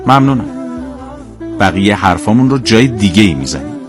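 A man voicing a calm, formal, polite middle-aged male inspector who stays firm under insult. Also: lowish voice, music in the background.

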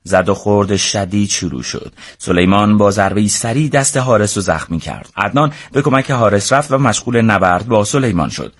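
A man narrating a storybook in an even, measured way. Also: fairly low pitch.

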